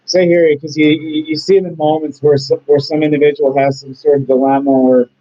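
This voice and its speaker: A man's voice: on the high side, level tone, fairly quick, dark tone. A man hosting a casual interview, rambling encouragingly with lots of fillers. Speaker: host. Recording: dull lo-fi audio.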